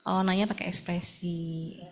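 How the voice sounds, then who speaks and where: A woman's voice: lowish voice, little pitch movement, normal speed, husky. A woman, leading a sign language workshop and calling out words one by one for participants to practice. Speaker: workshop facilitator.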